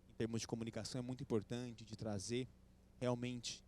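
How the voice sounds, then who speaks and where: A man moderates a panel discussion at an event, speaking into a stage microphone. His pitch sits in an ordinary middle range and his manner is upbeat and welcoming as he greets the guests. A faint room ambience stays under his voice. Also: level tone, a little fast, darkish tone, slight background noise. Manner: upbeat, hosting, thanking guests by name.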